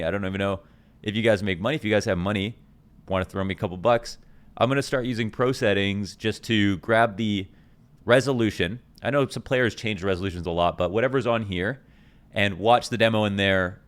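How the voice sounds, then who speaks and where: A man's voice: lowish voice, smooth. A man who coaches esports, chatting casually and enthusiastically to his channel's viewers, rambling and correcting himself as he goes. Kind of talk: casual talk to camera.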